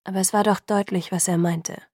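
A woman voicing a brooding young man in a whispered role-play, with a soft, low, breathy voice. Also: steady tone, fairly quick, no room sound, clean studio sound, close to an everyday voice. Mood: hushed.

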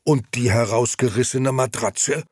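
A man voicing an agitated, worried older male friend who shouts and pleads urgently in a storybook reading. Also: a little high, expressive, a little slow, slightly rough, no echo, studio quality, pitched above the performer's own voice.

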